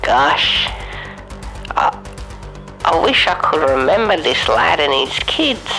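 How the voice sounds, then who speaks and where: Doctor Swilcho, a man doing a gravelly pompous taxidermist. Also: on the high side, very animated, slow, sharp tone, soft background music, full character voice, poor audio. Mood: haughty. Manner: grandiose, self-important, calls people mate and lad.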